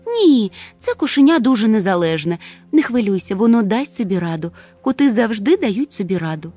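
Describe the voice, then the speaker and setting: A woman voicing a kindly mother creature in an audiobook, speaking softly and soothingly. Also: medium pitch, sing-song, moderate pace, soft background music.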